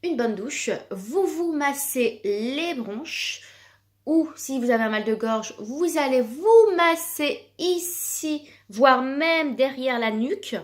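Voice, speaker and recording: A vlogger who has children demonstrates a cream she sells, chatting casually and filling her talk with fillers and repeated words. Her voice is high and animated, and she speaks slowly.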